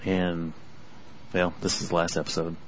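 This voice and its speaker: A man co-hosting a podcast in a relaxed, casual chat. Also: sits low, normal speed. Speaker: podcast co-host. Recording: dull lo-fi podcast audio.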